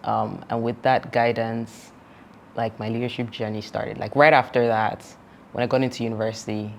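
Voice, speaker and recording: Speaking in a bass voice over slight background noise, a Nigerian founder tells reflective stories as an interview guest. Her manner is earnest and conversational, with frequent laughter and plenty of "like" and "you know."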